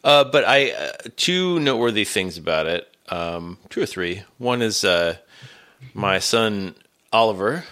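A middle-aged man with a gravelly, congested voice from a cold, chatting casually and hesitantly as a podcast host. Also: fairly low pitch, expressive, measured pace, pushed and bright. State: has a cold.

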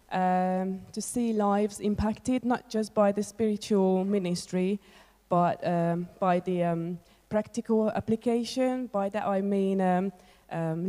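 A woman answers questions on a church stage, choosing her words carefully with many pauses. Her voice is warm and mellow, and a long hall reverb hangs behind it. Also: mid-range voice. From Hungary. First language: Hungarian. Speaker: theology student on church placement. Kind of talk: hesitant spoken answers in an interview.

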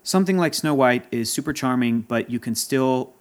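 A man's voice: mid-range voice, moderate pace. A man in casual chat as a podcast guest, talking in a passionate, rambling and emotional way. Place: Los Angeles area.

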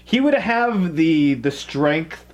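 A man's voice: on the high side, big pitch swings, slow pace, muffled recording. Guy cohosting a podcast, joking around, wry, voice goes up and down a lot. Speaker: podcast co-host. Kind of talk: casual joking banter.

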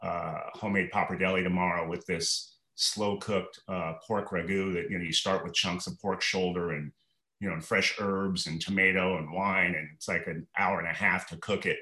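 A man in his forties, a restaurant manager guesting on a podcast, talking in a rambling, relaxed way full of fillers and restarts. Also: low-pitched, moderate pace, echoey room. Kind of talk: relaxed conversational interview.

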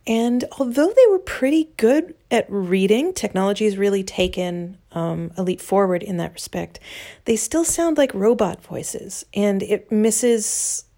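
A woman reads her own blog post aloud with wry, self-deprecating humor, then drifts into easy, casual talk. Her voice sits at an ordinary middle pitch. She records it all under a blanket in her bedroom, so the sound is close and muffled. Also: dark tone. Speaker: blogger.

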